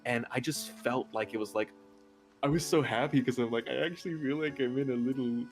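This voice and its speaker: Appearing as a stream guest, this ASMR voice actor keeps the chat casual, full of slang and enthusiasm. He talks briskly in a mid-range voice over background music.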